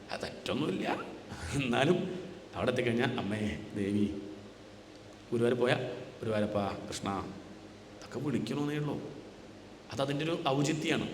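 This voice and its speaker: A man giving a religious discourse as a spiritual teacher, asking rhetorical questions and answering them himself, now and then chanting verses slowly. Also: medium pitch. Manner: chants scripture lines slowly. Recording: echoey hall with faint noise.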